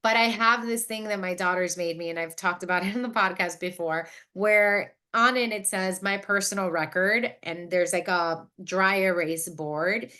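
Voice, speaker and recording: This lowish female voice moves at a moderate pace with few pauses. The speaker is a podcast host in her late thirties who talks casually and self-reflectively, thinking out loud in a long, wordy way.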